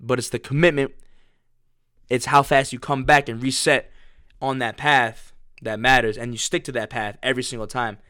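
A man's voice: medium pitch, fairly even intonation, normal speed, bright, forceful tone, clear, resonant tone, no echo, clean studio sound. Blunt, profane male motivational speaker. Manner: blunt, profane, pushy, repeats himself. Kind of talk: profane motivational pep talk.

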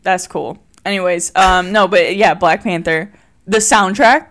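Playful, excitable woman co-host. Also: fairly low pitch, a little slow. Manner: enthusiastic, playful, interjects often. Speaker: podcast co-host. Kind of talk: casual chat.

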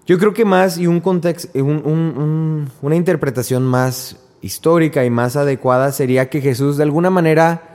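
A man's voice: fairly high pitch, moderate pace, darkish tone, in a large hall. A man giving an informal Sunday homily, telling stories and acting out the people he quotes. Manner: chatty storyteller who acts out quotes in raised voices. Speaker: preacher.

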